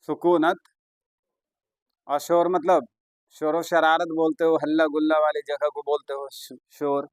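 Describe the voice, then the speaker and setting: High-voiced chatty Urdu teacher, dry sound. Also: male voice, no echo. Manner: chatty, coaxing, praises students. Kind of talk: classroom lesson.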